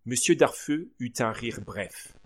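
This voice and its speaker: A man narrating a children's storybook with an expressive, lively reading. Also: mid-range voice, takes it slowly.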